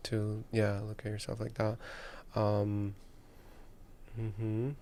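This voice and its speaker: A man's voice: fairly low pitch, completely flat delivery, slow pace, mellow, a little hiss or hum. A man from Belarus hosting a podcast, asking questions in casual conversation. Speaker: podcast host interviewing. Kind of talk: casual interview chat.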